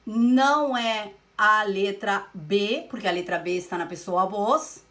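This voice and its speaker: A woman's voice: mid-range voice, measured pace, a bit bright. A woman teaching Spanish grammar, explaining step by step and answering her own questions. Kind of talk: recorded classroom lesson.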